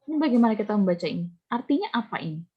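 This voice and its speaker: A husky-voiced woman leads a math lecture over a video call, explaining terms and prodding students with repeated questions. Her voice comes through a muffled, dull online call. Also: mid-range voice, very animated, racing. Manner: questions students, coaxing and scolding. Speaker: university lecturer.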